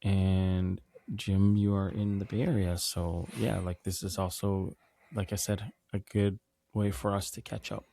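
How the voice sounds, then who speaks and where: A man co-hosting a casual podcast, talking in a slow, laid-back way. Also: sits low, little pitch movement, creaky, dark tone, dry recording. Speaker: podcast co-host. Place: home setup in Amsterdam.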